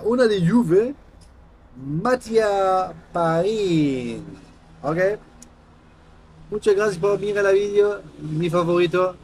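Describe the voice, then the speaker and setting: A man in his thirties, a native German speaker with a German accent, chatting casually in halting, simple non-native Spanish as a vlog host. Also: high-pitched, a little mellow, a little hiss or hum. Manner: halting, simple broken phrasing. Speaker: host of a card-opening channel. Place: small room indoors.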